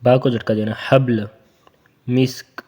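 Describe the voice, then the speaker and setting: A young man teaching Quran reading, drawing out each spelled syllable slowly, then chatting casually between words. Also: mid-range voice, flat delivery, darkish tone.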